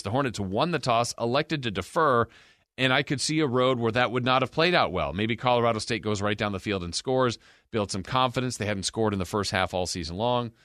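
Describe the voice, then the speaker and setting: Recorded in a clean studio with no room sound, an American sports podcast host and game broadcaster breaks down football games with conversational emphasis. His mid-range voice has a fairly bright tone.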